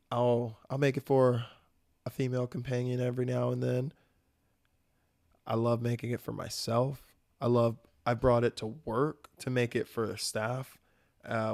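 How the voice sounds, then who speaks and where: A young Southern American man hosts a casual solo podcast, rambling enthusiastically about food and swearing casually as he goes. His voice is mid-range and darkish, with vocal fry.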